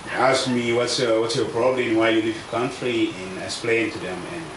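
Speaking into a stand-mounted table mic beneath a tent canopy at a camp, this refugee man in his thirties from South Sudan shares his personal story at a public gathering. His English is halting and non-native, his native tongue a South Sudanese language, and his voice sits at medium pitch with a steady tone. The outdoor recording sounds distant and echoey, with noise behind him.

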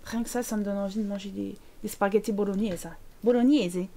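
A woman's voice: mid-range voice, little pitch movement, fast, gravelly, warm tone, slight background noise. A woman streaming a life-sim game live, chatting playfully to her characters and thanking viewers as she goes. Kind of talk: live gameplay commentary.

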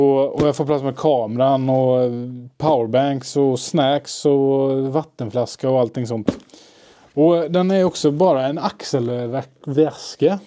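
A man's voice: mid-range voice, warm tone. A young man in a casual solo vlog, rambling and mixing in English phrases, filmed on a handheld camera indoors. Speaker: vlogger. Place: basement and workplace, indoors.

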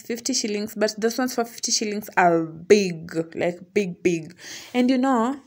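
A young woman with a Kenyan accent narrating a casual vlog, chatty and quick to laugh. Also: medium pitch, darkish tone. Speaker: vlogger. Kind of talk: casual vlog voice-over mixing English and Swahili slang.

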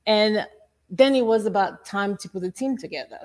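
A middle-aged woman from Haiti, an exhibition curator, speaking in a measured, reflective way on a panel in a gallery. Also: medium pitch, animated, a little mellow. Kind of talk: panel discussion. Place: art gallery room, indoors.

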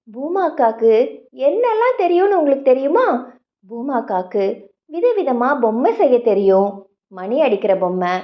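A woman narrating a children's audiobook in a lively storytelling manner, often asking the young listener questions. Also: sits high, muffled recording.

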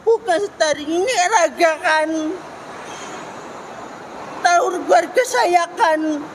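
A distressed, tearful woman pleading and often shouting outdoors near a street. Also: very high voice, takes it slowly, noisy background.

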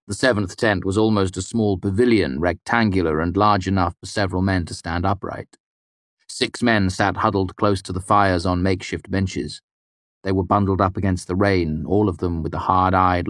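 A man narrating a fantasy novel in the first person, with a measured storytelling delivery. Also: deep voice, no echo, studio quality. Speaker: audiobook narrator.

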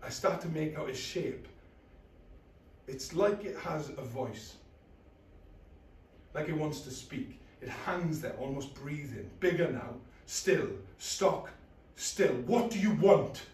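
A man's voice: a little high, animated, takes it slowly, darkish tone, voice pushed up. A man performing a stage monologue as an anguished, panicking young man, in raw, intense short bursts. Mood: mounting dread. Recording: echoey room, far from mic, faint noise.

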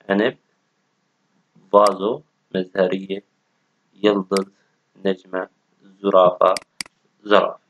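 Low-voiced man teaching word by word. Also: a bit bright, no room sound. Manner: patient, repeats each word slowly. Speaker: Turkish language teacher. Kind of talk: explaining a textbook lesson. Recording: dull, dry lo-fi audio.

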